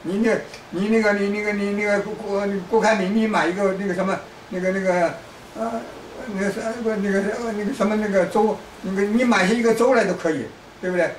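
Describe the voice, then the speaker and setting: High-voiced man lecturing from afar. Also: fairly even intonation, fairly quick. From China. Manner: lecturing, repetitive restarts, hectoring asides. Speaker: political commentator. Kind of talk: rambling political monologue. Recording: roomy, distant mic, faint background noise.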